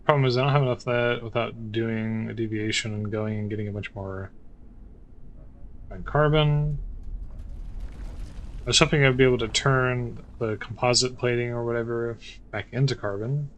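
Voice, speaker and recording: A man's voice: mid-range voice, fairly even intonation, moderate pace, long pauses, fairly bright tone, dull audio, a little hiss or hum. A man giving casual, sarcastic commentary while playing a game solo, thinking aloud as he goes. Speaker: gameplay streamer.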